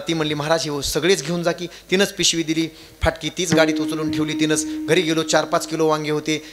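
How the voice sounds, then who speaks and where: A man preaching a devotional kirtan sermon, telling stories and swinging between loud chanting and soft chuckling asides. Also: a little high. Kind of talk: Marathi kirtan sermon with storytelling.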